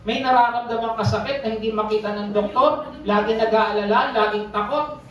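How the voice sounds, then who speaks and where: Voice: medium pitch, fairly even intonation, fairly quick. Filipino preacher, Sunday sermon, reads verses and explains them, engages the congregation, heard from a distant mic. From Philippines. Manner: interactive, often checks in with the congregation. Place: church service hall. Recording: echoey hall, distant mic, faint noise.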